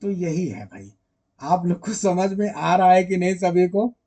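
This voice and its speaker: A man's voice: sits high, a little slow, mellow. A man teaching literature in a casual online lecture, chatting directly with his students and drawing out words when he sings an example.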